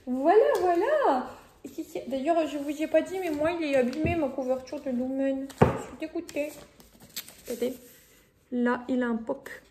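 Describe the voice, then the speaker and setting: Excitable high-voiced woman unboxing parcels. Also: normal speed, heavy background noise. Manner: excitable, gushing, laughs often. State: tired. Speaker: vlogger and shop owner. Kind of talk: casual unboxing chat to camera.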